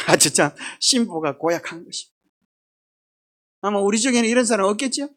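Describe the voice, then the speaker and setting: A woman teaching a children's Bible lesson, lively and asking the children questions. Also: mid-range voice, a little fast. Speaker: children's Sabbath school teacher.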